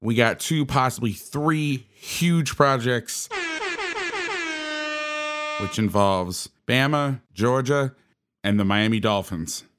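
Man, podcast host, casual upbeat patter, middle-aged, mid pitch. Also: takes it slowly, long pauses, fairly bright tone, soft background music.

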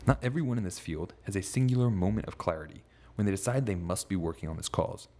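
A man hosting a podcast, reading scripted narration in a steady, even way. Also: low voice, fast talker, loud music behind the voice. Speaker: podcast host.

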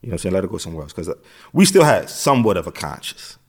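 A middle-aged American man, a guest in an interview, tells his story in a casual, streetwise way, repeating phrases and often saying "you know what I'm saying." His low voice is sing-song and very fast, a little mellow and slightly rough.

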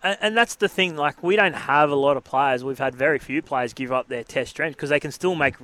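A man's voice: on the high side, brisk, pushed and bright. A man with an Australian accent co-hosting a sports radio show, casually analysing the game on a close mic. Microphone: close studio broadcast microphone.

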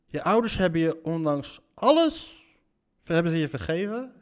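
A man with a fairly high voice delivers reaction commentary. He is blunt and openly disbelieving, swears freely and stumbles over repeated words as he talks it through. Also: sing-song, moderate pace.

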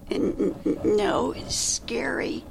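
A woman speaking haltingly and searching for words, often in a breathy half-whisper, with clear noise behind her. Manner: halting, searches for words, repeats short agreements. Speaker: group member.

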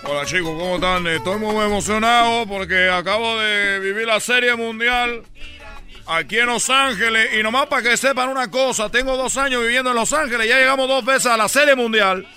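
A man voices a brash baseball player in a radio comedy sketch, bragging, teasing, and chuckling in a put-on Caribbean Spanish accent that drops the R. His very high voice is sharp and fairly quick, heavily acted, with faint music behind.

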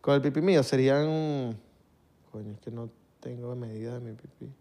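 A man's voice: medium pitch, moderate pace, mellow. A man with a Venezuelan accent, co-hosting a podcast in slangy, playful, joking casual chat into a studio microphone. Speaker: podcast co-host.

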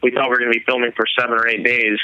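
Bright-voiced man filmmaker, lo-fi sound. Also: mid-range voice, little pitch movement, rapid-fire, clean tone, dry recording. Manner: rambling, many fillers and restarts. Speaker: hunting filmmaker guest. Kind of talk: casual interview talk.

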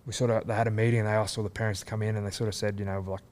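A man's voice: lowish voice, level tone, rapid-fire, a little mellow. A man from country Australia with an Australian accent, telling stories casually with lots of fillers and restarts. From country New South Wales, Australia. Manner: rambling with many fillers and restarts. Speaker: guest, former rugby league player. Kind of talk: casual storytelling.

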